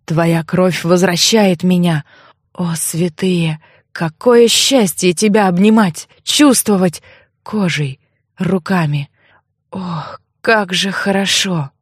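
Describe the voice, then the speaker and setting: A shapeshifting creature back in a young man's form, performed by a woman narrator in a low, husky near-whisper. He speaks slowly and teases softly. The reading is close and dry. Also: no room sound. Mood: hushed, relieved. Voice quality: husky, hushed. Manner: soft, slow and teasing. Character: shapeshifting beast turned young man, fond and teasing.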